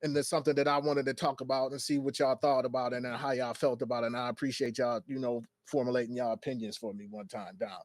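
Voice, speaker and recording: A man's voice: mid-range voice, level tone, fast, hardly any pauses, no echo. A man hosting a casual podcast chat, thinking aloud and putting questions to his co-hosts. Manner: conversational, thinks aloud with restarts. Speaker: podcast host.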